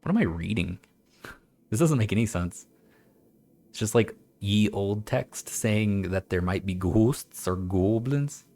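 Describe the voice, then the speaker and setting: A man streaming a game, chatting and reading old-style text aloud in a halting, stumbling way, laughing at himself. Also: fairly low pitch, animated, dark tone. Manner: self-mocking, laughs often. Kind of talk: let's-play commentary with reading aloud.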